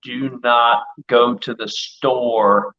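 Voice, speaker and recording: A man chats as a guest chef on a live show, excitable and quick to launch into the next story. His voice sits in a middle register. The audio is dull and lo-fi, as from a home stream. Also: mid-range voice, slight background noise. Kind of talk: casual live-stream chat.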